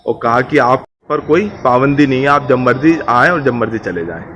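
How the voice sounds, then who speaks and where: A man telling a saint's legend in conversation, acting out the quoted dialogue as he goes. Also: medium pitch. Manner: acts out quoted dialogue with shifts in loudness. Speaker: storyteller at a Sufi shrine.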